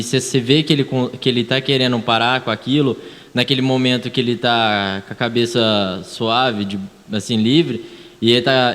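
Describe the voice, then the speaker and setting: A man's voice: medium pitch, a bit bright. A young man from Brazil with a São Paulo accent, telling a personal story casually with many fillers at a church youth meeting. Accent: São Paulo Portuguese. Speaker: youth group member. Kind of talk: casual testimony. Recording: reverberant church hall.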